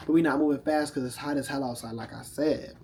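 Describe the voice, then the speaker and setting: A man's voice: mid-range voice, steady tone, quick pace, gravelly, darkish tone, slight background noise. A tipsy man telling a casual, profane story to camera, sassy and rambling, often losing his thread. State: drunk, tipsy.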